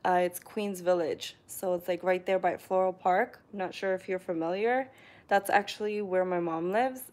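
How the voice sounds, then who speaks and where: A young New York woman with a medium-pitched, somewhat dark voice chats casually on a live stream from her living room, hesitating with lots of ums. She's a vlogger reading out live chat comments, picked up by a camera on a tripod.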